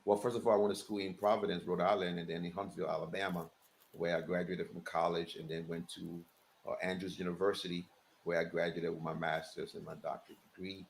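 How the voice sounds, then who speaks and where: A man's voice: sits low, level tone, fast, a little hiss or hum. A man, a guest answering interview questions earnestly with many fillers. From Liberia.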